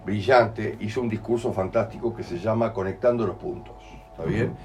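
A man's voice: fairly low pitch, moderate pace, a little mellow, slight background noise, rough recording. A man with a Uruguayan Spanish accent leading an in-person healing talk, explaining with acted everyday examples and frequent checks for understanding. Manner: colloquial, explains with acted examples and asks ¿entendés?. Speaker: healing workshop leader. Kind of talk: in-person talk to a small group.

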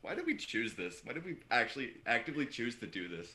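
A man's voice: mid-range voice, big pitch swings, quick pace, bright, forceful tone, roomy sound. A young man of about eighteen in a band, guesting on a podcast and teasing with giggles. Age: young adult. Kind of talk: casual chat.

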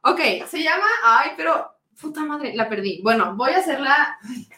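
A woman's voice: high voice, lively intonation, normal speed, pushed and bright. A woman with a Mexican Spanish accent, co-hosting a casual podcast, talking in a chatty, slangy way. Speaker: podcast co-host. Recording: roomy, distant mic.

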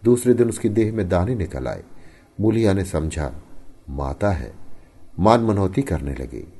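A male storyteller reads in a deep, mellow, husky voice. His delivery is expressive, with a wide, lively pitch swing, emphatic rises and hushed, quiet falls. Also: a little slow. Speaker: narrator. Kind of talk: dramatic audiobook storytelling.

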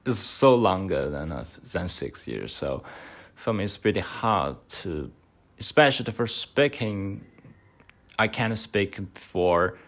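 In slow, halting speech packed with fillers, a deep-voiced man answers mock speaking exam questions on his podcast. He's a native Chinese speaker, and his slightly bright voice carries some vocal fry.

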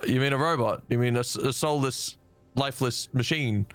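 A man with an average-pitched voice plays a tabletop game, rambling through descriptions. He jokes loosely with the group. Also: moderate pace, soft background music. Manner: rambling, joking. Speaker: player. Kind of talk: casual tabletop game chat.

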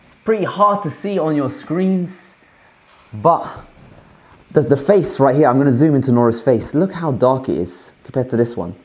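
A man co-hosting a live tech stream, talking casually and a little haltingly while he works the devices. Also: mid-range voice, expressive, a little mellow. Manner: hesitant, restarts while operating gear. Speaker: co-host.

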